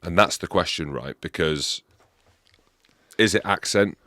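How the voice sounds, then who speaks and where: A middle-aged man with an English accent, hosting a casual podcast chat and leading the questions in an animated, chatty way. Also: low voice, a little slow, dry recording, clean studio sound. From England. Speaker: podcast host.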